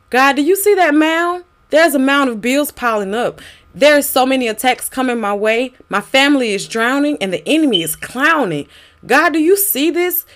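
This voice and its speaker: A woman's voice: a little high, fairly bright tone. A woman podcast host reciting a dramatic devotional poem in an emphatic, rhyming spoken-word delivery.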